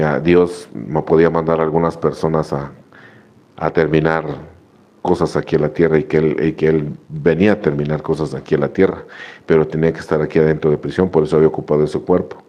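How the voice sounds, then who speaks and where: A man, speaking in a very low voice, gives a heartfelt personal testimony to his recovery group. He tells his story earnestly, repeats phrases and restarts them often. The sound is dull and lo-fi, like a radio broadcast. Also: little pitch movement, a little fast.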